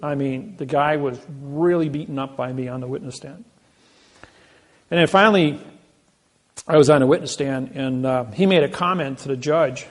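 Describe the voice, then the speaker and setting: A man's voice: mid-range voice, normal speed. An older man giving a seminar talk, telling boastful stories with many restarts and false starts. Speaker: seminar speaker. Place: seminar room.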